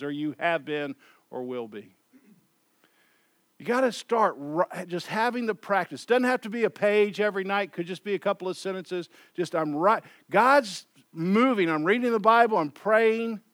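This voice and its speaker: A man's voice: high-pitched, a bit bright, no echo, clean studio sound. A man preaching a sermon in a loose, conversational way, often repeating and restarting phrases. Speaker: pastor.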